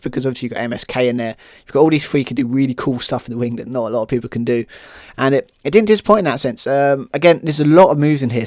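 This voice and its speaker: A man's voice: medium pitch, darkish tone, no room sound, clean studio sound. A man hosting a podcast alone, giving a casual, rambling review full of fillers and "kind of", plainly enthusiastic. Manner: rambling, heavy use of "kind of" and "um". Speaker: podcast host.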